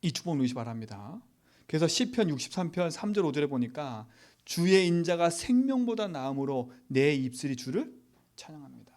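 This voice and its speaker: A male pastor giving a sermon. He asks the congregation rhetorical questions and swings from loud exhortation to near-whispers. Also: on the high side, sing-song, normal speed.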